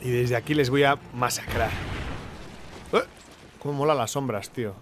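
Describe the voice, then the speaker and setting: A young man from commentating his own gameplay, excitable, with sudden shouting bursts and repeated words. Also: mid-range voice, moderate pace, over music. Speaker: gaming YouTuber.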